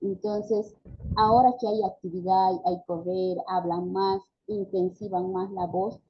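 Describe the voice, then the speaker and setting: A woman's voice: medium pitch, lively intonation, measured pace, vocal fry, breathy edge. A woman giving a speech therapy class, often correcting herself mid-phrase and checking in with tag questions. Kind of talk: online class lecture. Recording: dull lo-fi audio.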